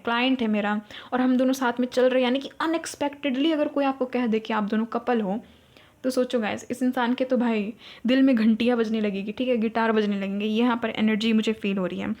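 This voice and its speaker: A fairly high-voiced woman talks through a tarot reading in a loose, chatty way. She keeps checking in with her listeners and now and then acts out people's reactions in quick little bursts. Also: a little mellow. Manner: chatty, keeps asking "theek hai?" and saying "guys". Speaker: tarot reader. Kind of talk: casual tarot reading to camera.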